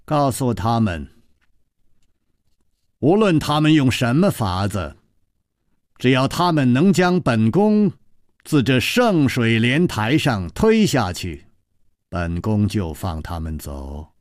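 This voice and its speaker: A man voicing a powerful, aloof female sect mistress who speaks slowly and with disdain. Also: mid-range voice, sing-song, no echo, clean studio sound. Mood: aloof, commanding. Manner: slow, measured, disdainful. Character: mighty aloof female palace mistress, coldly commanding.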